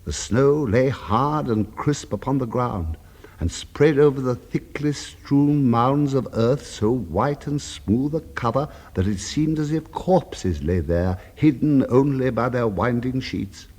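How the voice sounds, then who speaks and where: A man's voice: mid-range voice, animated, slow pace, a little mellow, slightly rough. A man narrating a scripted story in a dramatic, suspenseful, theatrical way. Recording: long reverberant echo.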